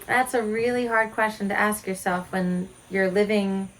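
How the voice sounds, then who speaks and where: Frank woman, about forty, homestead vlogger; earnest rhetorical musings, mid-pitched voice. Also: fairly even intonation, normal speed, low-quality recording. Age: 40s. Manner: earnest, candid, asks many rhetorical questions. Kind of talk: reflective direct-to-camera talk.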